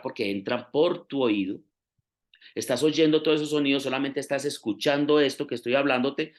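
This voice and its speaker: A man preaching a sermon, explaining step by step and stressing key phrases. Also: mid-range voice.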